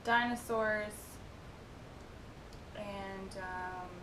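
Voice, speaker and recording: A woman's voice: steady tone, extremely slow. A twenty-one-year-old woman chatting casually as she reads out and answers viewer questions, with giggly asides. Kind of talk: casual Q&A chat. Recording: echoey room with noisy rumble.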